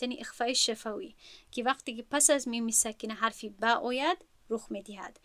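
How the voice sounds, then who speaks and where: Woman teacher going over recitation rules, kinda high voice, dry close sound, patient and careful. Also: a bit bright, no room sound. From Central Asia. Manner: explanatory, patient, slow drawn-out recitation of examples. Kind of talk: tajweed lesson explaining rules with recited examples.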